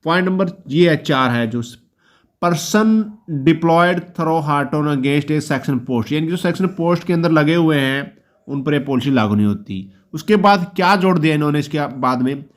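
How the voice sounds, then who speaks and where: Man, somewhat high voice, casual channel host explaining rules, calm and reassuring. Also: a little fast. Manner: explanatory, reassuring, often ends points with "ठीक है". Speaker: YouTube channel host explaining job policy. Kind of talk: informal explainer talk.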